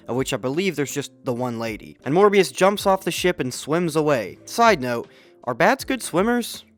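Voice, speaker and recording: A young man tears into a film in a casual, mocking review, tossing off deadpan asides. His voice is mid-pitched and close to the mic. A faint music bed runs beneath. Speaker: video essayist. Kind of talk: sarcastic film review commentary.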